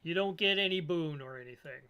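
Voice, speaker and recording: A man running a tabletop role-playing game as game master, narrating in an unhurried way with frequent fillers. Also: fairly high pitch, pushed and bright, slight background noise.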